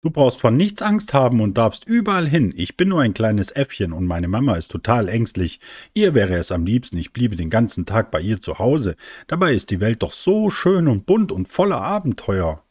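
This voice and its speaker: A man's voice: mid-range voice, very animated, normal speed, a little mellow, breathy edge, no echo, clean studio sound. A man voicing a small, eager young female monkey in a children's storybook, chattering with enthusiasm. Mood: dreamy.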